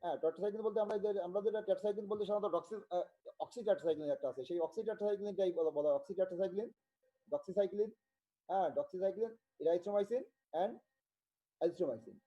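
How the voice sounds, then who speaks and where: A man from Bangladesh teaches an online medical tutorial in a high, very dark and mellow voice. He talks haltingly, restarting and repeating terms and often checking that students follow. The audio is dull and lo-fi. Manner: halting, repetitive, with many restarts and check-ins. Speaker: medical lecturer.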